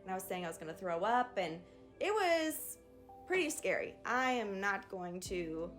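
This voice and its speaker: A woman's voice: medium pitch, moderate pace, faint music behind. A young woman vlogger candidly retelling a birth story in a casual storytime. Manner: candid, animated retelling with acted quotes.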